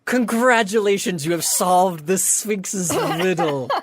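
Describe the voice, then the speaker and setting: A woman's voice: on the low side, takes it slowly, a little hiss or hum, voice pushed up. A woman voicing a perky, bubbly female sphinx who helps at a convention. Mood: cheerful. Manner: bubbly, eager to help.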